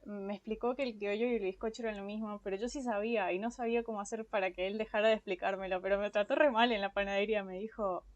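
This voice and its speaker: A woman's voice: medium pitch, steady tone, quick pace, few pauses, muffled recording. Wry Argentine woman from La Rioja. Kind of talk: casual classroom anecdote. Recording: faint background noise.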